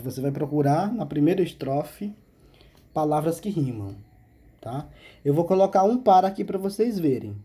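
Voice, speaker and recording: Fairly high in pitch, with a dark tone and a breathy edge, a male teacher's voice guides students through an exercise step by step in a remote lesson, checking in with frequent questions.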